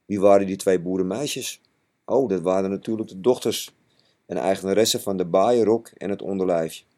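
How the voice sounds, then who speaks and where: Man reading a storybook in a low mellow voice. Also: normal speed. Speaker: narrator.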